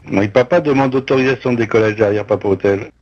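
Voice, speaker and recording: Husky pilot on a cockpit headset radio. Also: male voice, lowish voice, fast talker, a little mellow, lo-fi sound. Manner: clipped, businesslike. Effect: pilot talking over cockpit headset radio. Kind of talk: terse radio calls.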